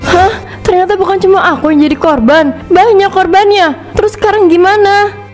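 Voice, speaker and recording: A troubled teenage schoolgirl from a cartoon, voiced by a woman, soft and anxious. Her high voice rides over faint background music. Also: brisk. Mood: worried. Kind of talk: cartoon voice acting.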